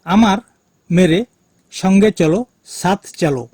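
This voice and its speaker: A man teaching a language lesson, speaking slowly and deliberately and repeating each phrase for learners. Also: high voice, darkish tone, no room sound. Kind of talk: slow spoken language lesson.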